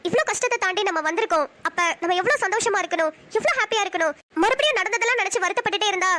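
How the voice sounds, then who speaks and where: A woman voicing a teasing, emotional young wife in a cartoon, quick and sarcastic. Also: extremely high pitch, pushed and bright, exaggerated voice. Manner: sarcastic, quick, prone to sobbing. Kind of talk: cartoon voice acting.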